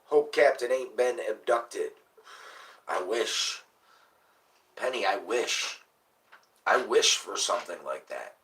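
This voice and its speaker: A man in his late thirties chats loosely on his livestream, drifting from topic to topic and swearing freely. His lowish voice has a sharp, forceful edge. He sits back from the mic, with a faint hiss underneath. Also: lively intonation, slow, long pauses, recorded from a distance, rough recording. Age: late 30s. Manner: rambling, profane, laid-back. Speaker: livestream host. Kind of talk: casual livestream chat.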